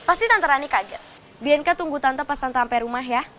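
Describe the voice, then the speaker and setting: A bratty, scheming young woman in a TV soap, her voice very high and sharp. She talks in a spoiled way and throws in English phrases, with a faint hiss of noise behind her. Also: fairly quick. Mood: wheedling. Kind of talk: TV soap acting.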